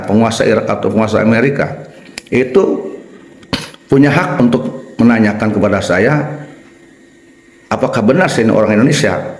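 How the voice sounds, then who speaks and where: A male Islamic cleric giving a religious lecture, emphatic, hammering his points by repetition with sudden high-pitched bursts of stress. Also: a little mellow. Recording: echoey room.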